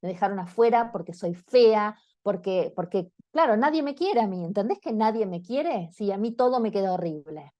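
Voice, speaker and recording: A woman's voice: medium pitch, animated, moderate pace, hardly any pauses, dark tone, close to an everyday voice. A woman with an Argentine accent voicing an angry, hurt sixteen-year-old girl who complains in a whiny, upset way. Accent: Argentine Spanish.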